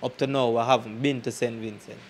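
A man with a mid-range voice, fairly even intonation, and a brisk pace speaks with a Jamaican accent as an interview guest. Recalling his tours as a dancer, he tells anecdotes in casual, emphatic patois into a handheld mic, often making sure the listener follows. Clear background noise and ambience fill the recording.

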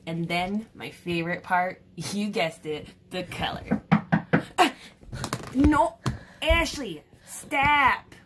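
A woman chatting to viewers in a comedic art vlog, playful and jokey, with drawn-out exasperated sighs. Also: lowish voice, slight background noise. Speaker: art vlogger.

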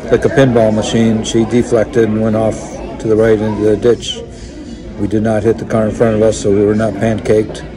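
An older man recounting a story to his phone camera, halting and reflective, with many pauses and fillers. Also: fairly low pitch. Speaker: vlogger. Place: indoors in a wood-panelled restaurant or bar. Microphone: phone held close, selfie framing.

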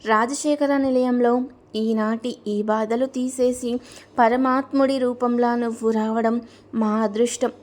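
Elderly grandmother figure, read by a woman narrator: slow, heartfelt and fairly high. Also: steady tone, a little mellow. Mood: sorrowful. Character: grieving elderly grandmother, family matriarch, jokey.

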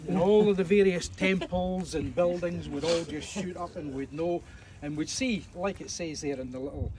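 A crowd murmurs behind this Scottish man as he preaches to a tour group at ancient ruins, his voice on the higher side and his pace moderate. His talk is conversational, dotted with jokes and fillers, and the outdoor recording is distant with faint noise.

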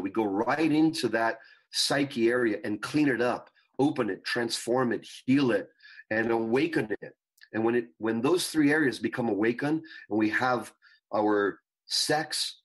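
A man speaking as a spiritual guru and coach in an interview, teaching earnestly in measured phrases. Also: medium pitch, husky, rough recording. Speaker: spiritual coach and retreat leader, guest. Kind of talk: interview talk, explaining teachings.

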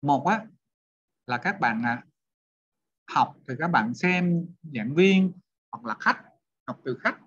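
A man's voice: on the high side, animated, takes it slowly, pauses often, a bit bright, slightly rough. A male teacher, lecturing a class and questioning students one by one. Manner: questioning students, repeats points. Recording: dull lo-fi sound.

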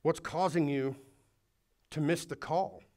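Standing before a congregation in a church hall, a man preaches slowly in a fairly high voice with a darkish tone. The pastor speaks earnestly, urges his listeners, and makes some restarts.

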